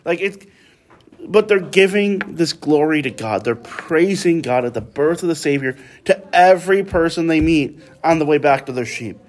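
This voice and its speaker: A man's voice: fairly high pitch, lively intonation, moderate pace. A man leading a casual Bible study, talking conversationally and often checking in with his listeners with tag questions.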